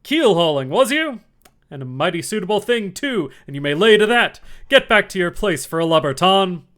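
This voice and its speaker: A man voicing a hearty, cunning one-legged pirate innkeeper who blusters loudly. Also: high-pitched, big pitch swings, moderate pace, pitched above the performer's own voice, exaggerated voice. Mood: blustering. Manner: loud, blustering sea-dog talk.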